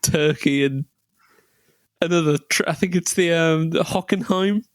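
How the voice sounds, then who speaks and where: A man with a high voice co-hosts a loose podcast chat. He rambles jokily from tangent to tangent and restarts his sentences often. The sound is dry and close. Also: a little slow, no echo. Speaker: podcast co-host. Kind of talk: casual chat.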